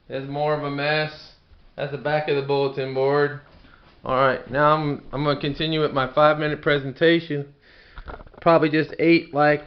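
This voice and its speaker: A man with a Brooklyn accent gives an informal amateur student presentation, halting and self-deprecating, often repeating his words. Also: fairly high pitch. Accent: Brooklyn, New York. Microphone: camcorder at a distance. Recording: echoey room, distant muffled camcorder microphone.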